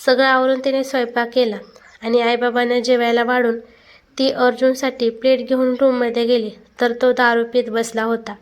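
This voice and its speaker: A woman reading a family drama aloud as the storyteller, steady and emotive. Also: a little high, moderate pace. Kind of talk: storybook narration.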